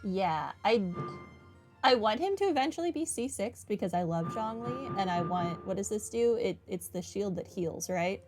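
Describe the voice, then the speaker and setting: With game music behind her, a woman streams a playthrough, offering chatty, laid-back commentary laced with dry, self-deprecating humor. Her mid-range voice has lively intonation and a normal speed.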